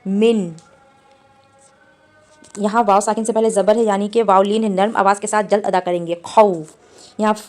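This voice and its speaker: A woman teacher giving a careful recitation lesson in a medium-pitched voice. She explains each rule step by step and patiently repeats the sounds for her students. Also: level tone, soft background music. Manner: patient, explains each mark then models the sound slowly.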